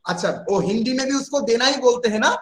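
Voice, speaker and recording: High-voiced man teaching in an echoey room. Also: a bit bright. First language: Bengali. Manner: repeats definitions slowly, calls students "beta". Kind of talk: classroom accounting lesson.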